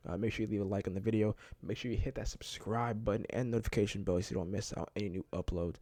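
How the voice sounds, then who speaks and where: A man's voice: fairly low pitch, steady tone, fast talker, dark tone, dry recording. A man giving a casual movie review, enthusiastic and rambling, laughing often and filling his talk with casual fillers. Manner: filler-heavy, keeps saying "like" and "man".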